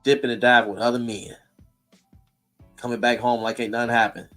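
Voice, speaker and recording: A man's voice: mid-range voice, flat delivery, a little fast, sharp tone, faint music behind. A man hosting a casual streamed talk, blunt and preachy, in heated street slang. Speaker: host.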